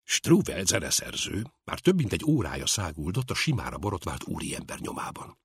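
Husky, lively male audiobook narrator. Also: deep voice, dry recording, studio quality. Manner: lively, expressive reading. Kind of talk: scripted narration.

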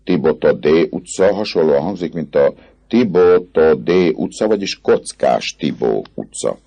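A man narrating an audiobook in a measured storytelling manner. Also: very deep voice, animated, vocal fry, mellow, slightly rough.

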